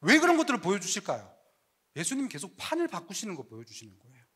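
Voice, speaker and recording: High-voiced, animated male pastor. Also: fast, slightly rough. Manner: animated and joking, full of rhetorical questions. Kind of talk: sermon to young adults.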